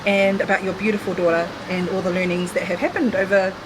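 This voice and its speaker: A woman's voice: mid-range voice, flat delivery, fast talker, background noise. A woman hosting a podcast in an effusive, informal, chatty way. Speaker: podcast host. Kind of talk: casual, chatty podcast talk.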